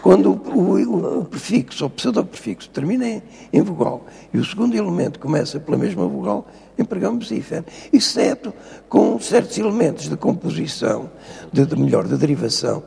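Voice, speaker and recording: A man's voice: sits high, big pitch swings, brisk, vocal fry, mellow, husky, big-room sound. An older man with a European Portuguese accent, a professor explaining spelling rules in a TV interview, lecturing and insistent. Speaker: linguistics professor, guest. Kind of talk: TV studio interview.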